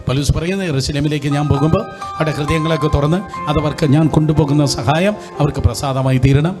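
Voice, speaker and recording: A man's voice: on the high side, fairly even intonation, quick pace, music in the background. A man with a Malayalam accent preaching a Bible study sermon, leading the congregation to repeat phrases back and exclaiming hallelujah and praise often. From India. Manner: repetitive call-and-response, leads congregation in repeating phrases. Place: hot room with lights and fans.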